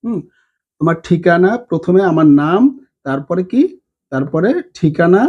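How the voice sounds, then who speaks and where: A man giving a casual spoken lesson, repeating terms slowly and often checking in with "right?". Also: fairly high pitch, husky, highs cut off. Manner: slow drawn-out repetition of Arabic terms; frequent fillers and tag questions. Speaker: Arabic teacher.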